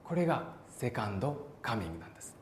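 A man preaching a sermon, animated, acting out voices and calling out for emphasis. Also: medium pitch, quick pace, a little hiss or hum. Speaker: pastor. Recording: echoey hall.

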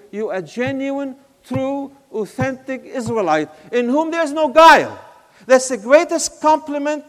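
A man in his sixties from Syria with a Syrian Arabic accent, preaching a storytelling sermon that swings between loud emphasis and a soft hush. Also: high voice, in a large hall. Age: 60s.

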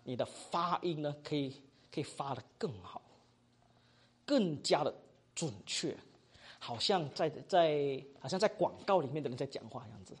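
一位马来西亚口音的男讲道老师在课堂上授课，说话生动随意，句尾常带"哈"。. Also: male voice, a little high, moderate pace, husky. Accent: Malaysian Mandarin. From Malaysia. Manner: animated, chatty, ends phrases with 哈. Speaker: preaching instructor. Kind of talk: classroom teaching.

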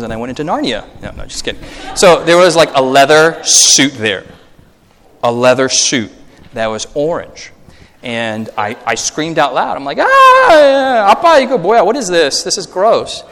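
A man with a mid-range voice preaches a sermon in a large hall in a conversational style. He checks in with the audience often and gets animated, acting out voices in his anecdotes.

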